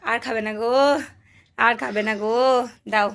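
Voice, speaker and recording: A woman's voice: a little high, little pitch movement, measured pace, creaky, sharp tone. A woman chatting casually to her viewers in a home family vlog, coaxing her small children along the way. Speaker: mother and family vlogger. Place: at home, bedroom then rooftop.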